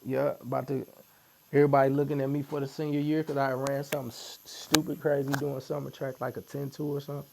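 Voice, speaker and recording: A Missouri man in his forties, speaking at medium pitch and a fast clip with some vocal fry, chats and jokes as a podcast guest while getting tattooed in a studio. He's relaxed and laughs often, and there's slight background noise.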